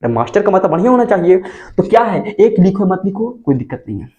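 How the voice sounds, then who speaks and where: A man's voice: high voice, big pitch swings, fast talker, dark tone, lo-fi sound. A male teacher, giving a chemistry lesson for board exam students. He keeps putting questions to the class and answering them himself. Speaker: school teacher.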